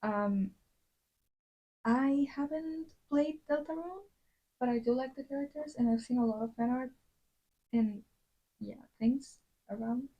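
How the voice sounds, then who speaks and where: A young Latin American woman streams herself drawing, chatting casually and rambling with many fillers and restarts. Her voice is fairly high, and the audio's highs are cut off.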